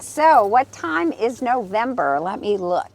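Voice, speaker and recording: A California woman who works as a real estate agent leads a relaxed, friendly walking tour of a lakeside community, sharing stories along a golf course trail outdoors. Her voice sits on the high side, sing-song and slow, with a gravelly texture and a faint hiss or hum. She comes across as warm and chatty.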